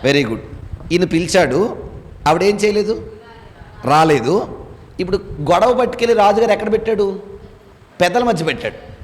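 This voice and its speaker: High-voiced man preaching in a reverberant hall. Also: animated, normal speed, pauses often. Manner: quizzes listeners with call-and-response questions. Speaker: pastor. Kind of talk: Bible-study sermon to a congregation.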